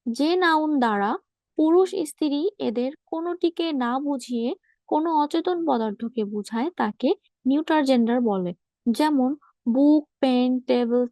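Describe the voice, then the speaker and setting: High-voiced woman teaching grammar. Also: dry recording. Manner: measured, steady, list-like delivery. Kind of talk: instructional reading of word lists.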